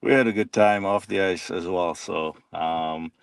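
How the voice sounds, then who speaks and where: A man, a former hockey player reminiscing in a halting, soft-spoken way as an interview guest. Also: low-pitched, gravelly, smooth, no echo. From Slovakia.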